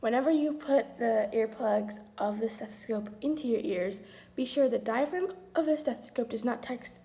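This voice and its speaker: A woman's voice: fairly high pitch, vocal fry, mellow. A young woman with the hiccups reading science lab instructions aloud at home, with casual asides. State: has the hiccups. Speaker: vlogger doing a school science lab at home. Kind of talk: casual home video chat.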